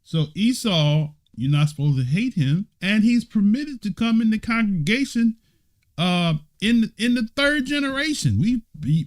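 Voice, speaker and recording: Serving as an elder, a man leads an informal Bible study, reading scripture aloud and explaining it conversationally while often checking in with "right?" and "okay?". His voice sits on the high side with a darkish tone, and the audio is from an online stream.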